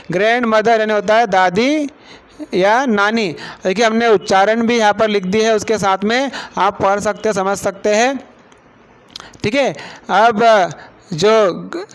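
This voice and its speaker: Male teacher, high and clear, drills vocabulary with question-and-answer repetition. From India. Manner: repeats words and asks the class questions. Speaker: English teacher. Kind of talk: classroom lesson explaining vocabulary.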